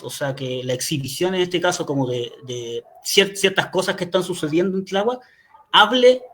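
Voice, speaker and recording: Hesitant Chilean man, slightly high voice. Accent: Chilean Spanish. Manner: thoughtful, hesitant, many fillers and restarts. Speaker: guest poet. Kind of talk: reflective interview answer. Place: home, remote video call. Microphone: video call.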